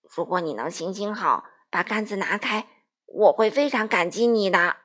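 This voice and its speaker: A woman voicing a gentle, simple male scarecrow with a hoarse, raspy voice, reading a children's storybook. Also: medium pitch, animated, normal speed, voice pushed down. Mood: weary, friendly.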